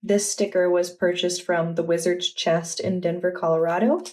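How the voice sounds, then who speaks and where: A young adult woman vlogger chatting in a relaxed, enthusiastic way as she walks through her journal. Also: lowish voice, normal speed. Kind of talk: casual vlog narration.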